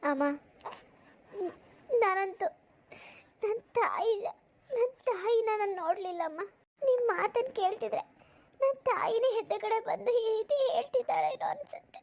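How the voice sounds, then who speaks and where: A woman voicing a poor, abandoned young mother in a cartoon, speaking softly and respectfully. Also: very high voice, steady tone, normal speed, long pauses. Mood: sorrowful. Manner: soft, pleading and respectful. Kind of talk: cartoon voice acting.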